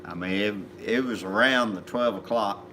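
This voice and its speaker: Man, very deep, unhurried, apologetic co-host, noisy background. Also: pushed and bright. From Kentucky, USA. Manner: slow, apologetic, mumbling. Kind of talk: casual livestream chat.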